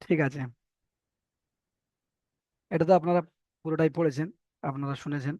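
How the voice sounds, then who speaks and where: A man's voice: fairly high pitch, steady tone, normal speed, warm tone, dry recording, muffled recording. A man teaching Arabic letter pronunciation in an online lesson, patiently drilling and correcting students. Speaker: Quran reading teacher.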